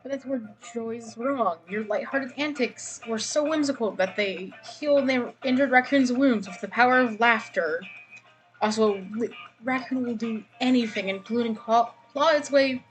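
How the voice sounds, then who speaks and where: A woman's voice: on the high side, moderate pace, poor audio. A woman reading comic second-person game narration aloud, casually and with stumbles over words. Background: music.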